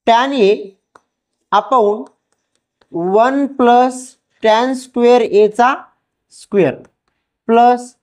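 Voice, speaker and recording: Slow, patient woman teacher explaining to a child. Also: a little high, darkish tone. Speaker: maths teacher. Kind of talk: step-by-step lesson, explaining to a child.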